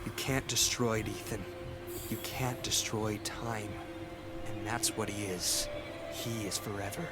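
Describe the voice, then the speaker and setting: An actor voicing a cold, fatalistic, menacing man in a video game, speaking flatly and deliberately. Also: lowish voice. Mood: ominous. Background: game music.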